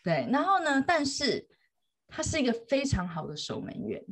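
A woman's voice: high voice, big pitch swings, moderate pace. A woman, a mother telling a story in casual chat, laughing often.

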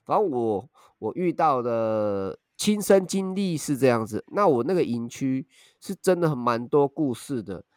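Animated man with a lively voice. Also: medium pitch, measured pace, no echo, clean studio sound. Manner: animated, uses crude slang. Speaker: podcast co-host. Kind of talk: casual storytelling chat.

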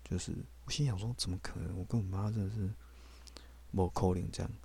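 A man's voice: low-pitched, steady tone, quick pace, dark tone, slightly rough. A man, telling his faith testimony on a podcast in a blunt, candid way with casual swearing. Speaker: podcast host.

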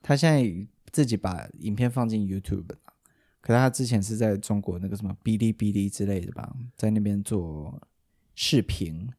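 A man's voice: fairly low pitch, moderate pace, warm tone. A man with a Taiwanese Mandarin accent, a podcast host in casual chat who explains at length and often restarts his sentences.

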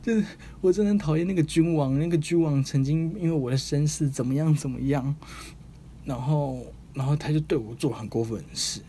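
A man's voice: on the high side, a little fast, warm tone, slight background noise, voice pushed up, lightly acted. A man voicing a bitter, wounded adult man who talks in an agitated, stammering way. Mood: aggrieved.

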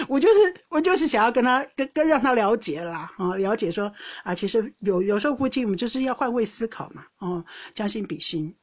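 A woman's voice: on the high side, animated, normal speed, breathy edge, muffled recording. A woman hosting a podcast, telling a personal story in a rambling, casual way with frequent laughs and restarts. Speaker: podcast host; older sister co-hosting with her sister. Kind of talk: casual chat.

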